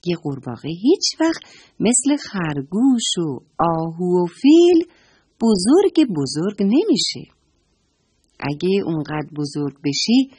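A woman voicing a wise male owl, the forest doctor, who gives gentle, lecturing advice in a children's story. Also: lowish voice, breathy edge, no echo.

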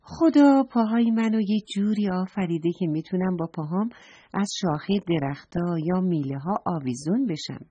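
Woman doing a friendly parrot, matter-of-fact, husky, mellow, dull lo-fi recording. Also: lowish voice, lively intonation, no room sound. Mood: explaining.

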